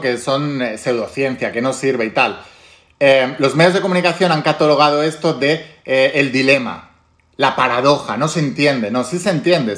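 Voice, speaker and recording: A man's voice: mid-range voice, fairly bright tone. Emphatic Spanish self-help teacher, man. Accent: Spain Spanish. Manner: emphatic, repeats key phrases. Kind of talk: direct-to-viewer talk.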